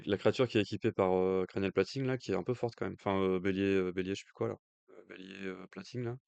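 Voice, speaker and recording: A French-accented man talks through a card game match in an easy, chatty commentary style, pausing on fillers as he thinks aloud. His voice sits fairly low and comes across clean and smooth. The recording is dry, with no room echo. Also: a little mellow, dull audio. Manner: jokey aside in accented English. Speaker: stream commentator.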